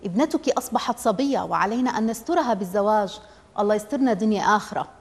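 A woman's voice: medium pitch, animated, very fast, darkish tone. A woman voicing a stern, domineering middle-aged father who speaks with anger and scorn. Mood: angry, scornful. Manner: angry, scornful, raised voice. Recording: long hall reverb.

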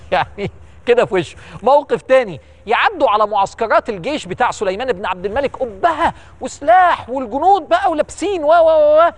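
A man with an Egyptian accent telling history as an animated, emphatic storyteller who repeats words for effect. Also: very high-pitched, fairly quick. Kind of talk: lively storytelling lecture.

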